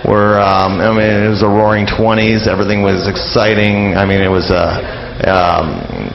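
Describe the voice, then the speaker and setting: His voice is on the low side, creaky and steady in tone, moving at normal speed. The man, an old-time radio enthusiast, is an interview guest who speaks casually, with hesitation and rambling, from a live radio lounge where people come and go; the sound is muffled and echoey amid a busy crowd.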